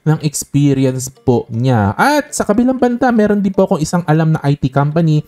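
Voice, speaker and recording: Lively man hosting an investing channel. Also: on the high side, brisk. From Philippines. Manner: conversational, frequent tag "no?", mixes English phrases in. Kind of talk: casual talk to camera.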